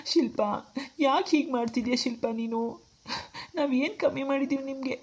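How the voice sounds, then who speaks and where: A woman's voice: medium pitch, steady tone, brisk, background noise, natural voice. Woman voicing a troubled cartoon husband. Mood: upset. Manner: earnest, troubled. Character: worried young husband and older brother. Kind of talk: cartoon dialogue acting.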